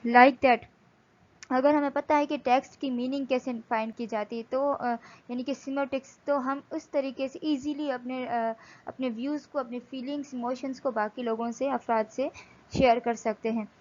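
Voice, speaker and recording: A woman lecturing from slides, reading English text slowly and explaining it in Hindi. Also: sits high, steady tone, a little mellow, dull audio.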